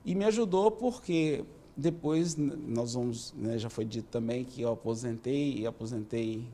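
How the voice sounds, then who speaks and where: A man, a police chief answering interview questions in a measured, explanatory way, often adding "né". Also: mid-range voice, mellow, a little hiss or hum. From Minas Gerais, Brazil. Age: 50s. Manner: measured, explanatory, with many "né" tags.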